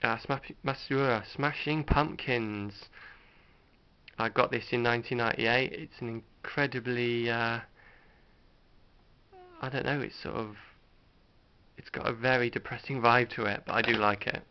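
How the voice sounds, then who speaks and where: Unhurried and steady, with frequent pauses, a middle-aged British man's mid-range voice guides an unscripted show-and-tell vlog as he hesitantly, understatedly rambles about his collection. The dull lo-fi home recording has a little hiss or hum.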